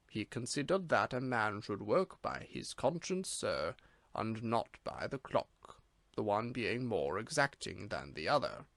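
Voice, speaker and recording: Here the storybook manservant, as read by a man, comes across in an exaggerated, low-leaning voice: solemn, deferential, quiet, grave and unfailingly formal, with a slight Irish lilt. The recording is dry and close, with no room sound.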